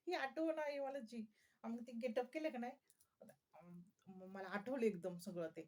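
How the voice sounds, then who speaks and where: A woman's voice: a little high, lively intonation, slow pace, a little mellow. A woman vlogger chatting casually to her viewers, often laughing and asking them questions.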